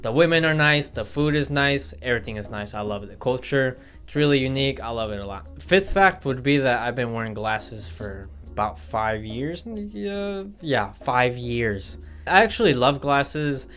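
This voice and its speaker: A man's voice: mid-range voice, lively intonation, normal speed, fairly bright tone. Rambling young man vlogging. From Milwaukee, Wisconsin, USA. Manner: rambling, filler-heavy, self-correcting. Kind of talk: casual facts-about-me vlog. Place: indoor room with studio lights. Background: faint background guitar music.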